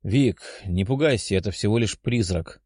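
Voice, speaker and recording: A man reading a calm young man. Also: lowish voice, normal speed, slightly rough, no echo, studio quality. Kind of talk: audiobook character voice.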